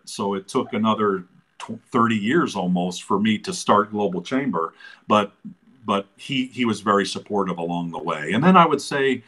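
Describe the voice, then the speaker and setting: A man in his sixties talking in a relaxed, thoughtful way as an interview guest, pausing often with fillers. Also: lowish voice. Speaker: interview guest, business founder. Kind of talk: casual conversational interview.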